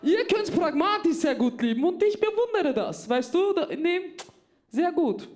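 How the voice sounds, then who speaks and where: Woman in her 30s doing stand-up, highish voice, chatty, talks right at the crowd. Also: sing-song, measured pace, a little mellow. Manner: chatty, confiding, addressing the crowd directly. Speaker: stand-up comedian. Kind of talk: stand-up comedy set. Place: comedy club stage.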